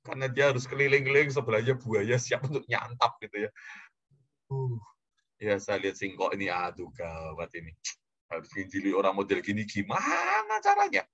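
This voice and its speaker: A man preaches to his congregation through a long story, with a low voice and a husky edge to his tone. He tells it in a lively way and chuckles often. The recording sounds dull and lo-fi. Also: brisk. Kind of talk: sermon storytelling.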